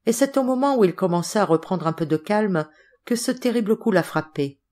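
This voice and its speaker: A woman narrating a literary audiobook in a steady, expressive reading style. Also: mid-range voice, fairly quick.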